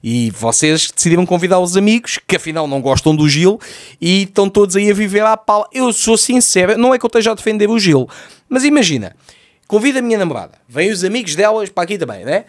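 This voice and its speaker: A man rattles through a comedic TV recap in a high, quick voice. He is sarcastic and swears freely. The recording is dry and close. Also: lively intonation, dry recording. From Lisbon, Portugal. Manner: sarcastic, profane, exasperated.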